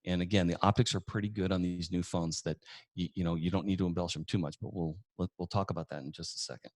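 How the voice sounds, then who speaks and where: A man's voice: low-pitched, fairly even intonation, quick pace, darkish tone, no echo. A man giving a casual webinar lesson, chatty and folksy, telling anecdotes with acted-out dialogue. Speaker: webinar presenter.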